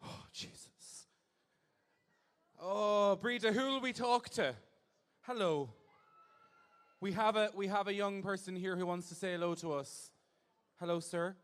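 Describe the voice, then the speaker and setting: Guy doing cheeky crowd work, kinda high voice, big echoey hall. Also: moderate pace, fairly bright tone, clean tone. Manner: playful, teasing, camp. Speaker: host. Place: large indoor venue, in the crowd. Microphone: handheld microphone.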